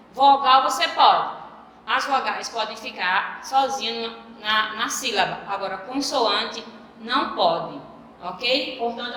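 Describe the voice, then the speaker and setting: A woman's voice: a little high, sharp tone, a little hiss or hum. A woman teacher giving a video lesson to young pupils, explaining patiently and repeating key words. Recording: echoey room with long reverb.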